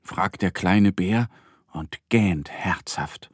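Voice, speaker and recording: A man narrating a children's story in a slow, gentle, expressive bedtime-reading manner. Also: deep voice, husky, no room sound, studio quality.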